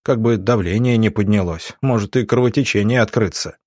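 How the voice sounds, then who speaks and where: A man doing a calm young country doctor. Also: fairly low pitch, a little fast, no room sound, studio quality, lightly acted. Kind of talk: audiobook character voicing.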